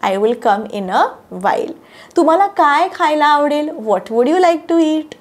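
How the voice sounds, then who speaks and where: High-voiced Marathi woman teaching English slowly. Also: animated. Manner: repeats each English sentence slowly and carefully. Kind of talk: language lesson, reading sentences slowly.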